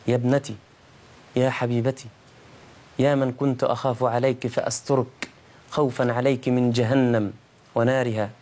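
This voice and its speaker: A male Egyptian preacher delivers a fervent sermon in a middle-pitched voice. In the emotional stretches he climbs high and presses hard. He also hosts the show and takes calls from listeners. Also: a little mellow. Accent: Egyptian Arabic. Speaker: preacher hosting a call-in show. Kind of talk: impassioned sermon.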